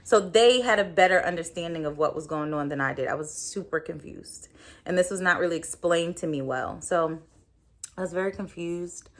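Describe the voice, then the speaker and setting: A woman's voice: on the low side, moderate pace. A woman in her thirties, a podcast host, telling a personal story in a candid, reflective way, with many fillers.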